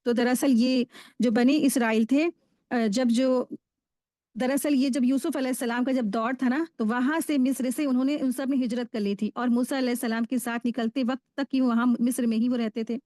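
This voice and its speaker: A woman with a fairly high voice gives a religious lesson, explaining steadily and often restarting her sentences. The sound is dry and close, with no room echo. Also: steady tone, normal speed, dark tone. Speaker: Quran course teacher.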